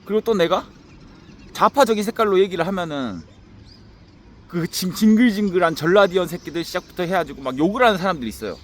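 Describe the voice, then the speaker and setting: Blunt, swearing man, high voice. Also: fast. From Haenam, South Jeolla, Korea. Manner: blunt and profane, repetitive, restarts often. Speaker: YouTuber. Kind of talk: casual monologue to camera.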